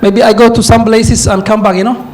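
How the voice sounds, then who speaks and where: High-voiced man with a Somali accent. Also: little pitch movement, brisk, darkish tone. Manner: emphatic lecturing, with asides and chuckles. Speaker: forum speaker, university lecturer. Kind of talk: conference talk mixing English and Somali.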